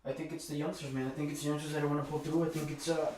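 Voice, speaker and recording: A man co-hosting a casual podcast chat, easygoing and halting, repeating himself as he works out his point. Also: fairly high pitch, flat delivery, a little mellow, very echoey, far from the mic, slight background noise, low-quality recording. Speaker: podcast co-host.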